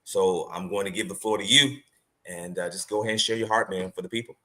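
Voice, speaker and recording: A man's voice: low-pitched, fast, sharp tone. A man hosting a podcast interview, encouraging his guest and repeating phrases, often ending them with "man". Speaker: podcast host.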